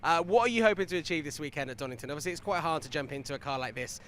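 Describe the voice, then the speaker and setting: A man's voice: on the high side, very fast, fairly bright tone, slight background noise. A man presenting a motor race broadcast, chatting upbeat with drivers and his co-commentator. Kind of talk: trackside broadcast interviews.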